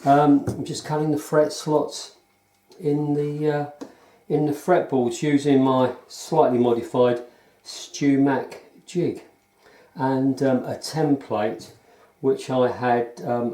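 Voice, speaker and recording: A man, a guitar maker, explaining his work in a halting, measured, informal way while demonstrating in a workshop. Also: medium pitch, mellow. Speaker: guitar maker presenting own build. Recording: roomy, echoing workshop sound.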